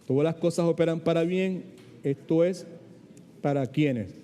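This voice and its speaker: Lively pastor in an echoing hall. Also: male voice, fairly high pitch, unhurried, clean tone. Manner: animated, switches into English phrases. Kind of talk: sermon. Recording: long hall reverb.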